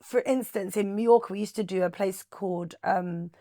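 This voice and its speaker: A woman's voice: mid-range voice, fairly even intonation, dark tone, no room sound, clean studio sound. A woman, talking frankly as an interview guest about her past. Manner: frank, reflective storytelling with quick asides. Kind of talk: candid interview conversation.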